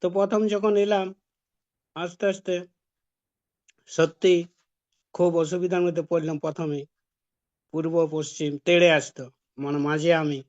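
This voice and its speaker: A man's voice: on the high side, steady tone, moderate pace, long pauses. A man giving a devotional talk, telling a personal story in a conversational way. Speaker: devotee preacher. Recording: dull lo-fi recording.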